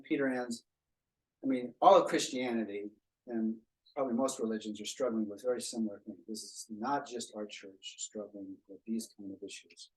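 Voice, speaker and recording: A man presenting to a small faith gathering, reflective, quoting writers and pausing often. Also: medium pitch, a little mellow, breathy edge, poor audio. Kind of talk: informal group talk.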